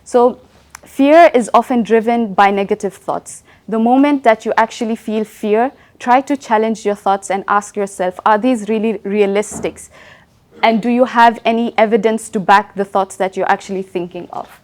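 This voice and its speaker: Young woman giving a relaxed company talk. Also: medium pitch, normal speed. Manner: conversational, often asks "right?". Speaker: presenter. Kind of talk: company talk with audience questions.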